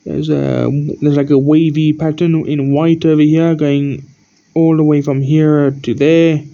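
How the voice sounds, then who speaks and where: A tired man who keeps yawning gives a rambling, halting show-and-tell of his toy collection as the channel host, pointing out details one by one. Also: on the high side, little pitch movement, vocal fry, mellow. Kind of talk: casual show-and-tell narration. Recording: dull lo-fi recording.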